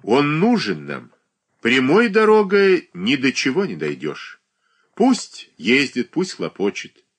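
A man's voice: medium pitch, huge pitch swings, slow pace, voice pushed up, full character voice. A man doing a bitter, scornful young woman. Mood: firm.

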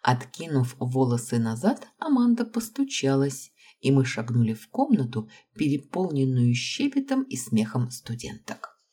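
A woman's voice: extremely low pitch, big pitch swings, moderate pace, hardly any pauses, mellow, slightly rough. A woman reading a fantasy novel aloud as an audiobook in the first person, telling the story expressively. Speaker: audiobook narrator. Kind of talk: scripted audiobook narration.

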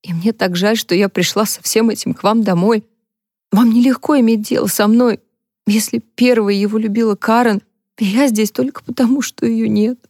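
A woman's voice: lowish voice, steady tone, normal speed, darkish tone, no room sound, studio quality. Tearful heartbroken young woman, as a female reader puts her on.

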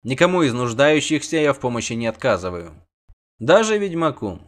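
A man reading an audiobook, voicing a wandering knight who answers calmly and courteously. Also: mid-range voice, a little fast, natural voice. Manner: calm, courteous. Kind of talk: audiobook character voice.

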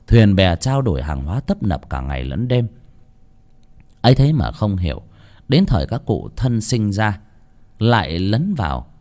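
A man narrating a ghost story in a dramatic, expressive way. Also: deep voice.

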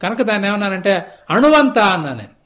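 A man with a notably high-pitched voice narrates a sacred tale as a discourse. He speaks slowly and deliberately, often repeating phrases to build the scene. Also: big pitch swings, fairly bright tone. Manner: slow, deliberate storytelling with lots of repetition. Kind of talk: storytelling religious discourse. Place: television studio.

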